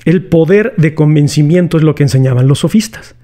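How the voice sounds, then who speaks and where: A man's voice: a little high, a little fast, mellow. A man with a Mexican accent hosting a casual philosophy lesson, talking in a chatty, slangy way and putting rhetorical questions to his viewers. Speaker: philosophy video host. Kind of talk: casual explanatory lecture.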